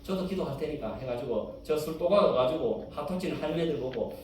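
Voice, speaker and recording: A man's voice: fairly high pitch, expressive, a little fast, a little hiss or hum. A man with a Gyeongsang Korean accent preaching a sermon, telling an anecdote and mimicking grandmothers' dialect voices. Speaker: pastor. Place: church sanctuary. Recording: roomy church hall from far off.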